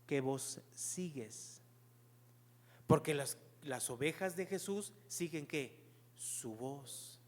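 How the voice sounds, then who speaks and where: A man's voice: fairly high pitch, lively intonation, slow, darkish tone, long reverb tail. A man preaching a sermon as pastor, earnestly explaining and asking the congregation rhetorical questions.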